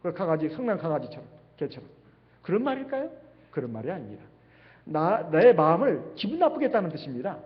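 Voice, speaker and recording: A man's voice: on the high side, big pitch swings, quick pace. A man preaching a sermon as pastor in a church, asking rhetorical questions as he goes. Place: church sanctuary. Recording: dull livestream sound with long hall reverb.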